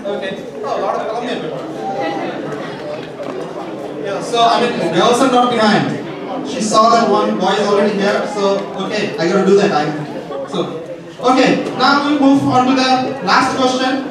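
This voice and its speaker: A man's voice: high voice, moderate pace, long pauses. A young man hosting a live quiz as a game show host, calling up contestants from the stage. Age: young adult. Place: large indoor auditorium stage. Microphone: handheld microphone through PA, recorded by audience camera. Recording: echoey hall from far off, crowd noise.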